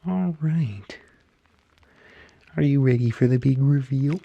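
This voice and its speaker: A performer voicing an excitable, gentle male puppet frog as a hairdresser in a soft, soothing, halting ASMR roleplay. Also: mid-range voice, vocal fry, dull audio. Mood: gentle, encouraging. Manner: soothing, fussy, halting murmur with oohs and hmms.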